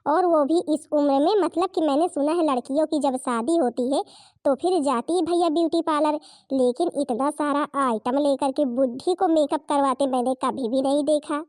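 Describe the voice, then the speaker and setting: A woman voicing a gossiping village woman who scoffs at an old lady's makeup, in a high, dry voice. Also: moderate pace, a little mellow, no room sound, natural voice. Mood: mocking. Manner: scoffing, mocking tone.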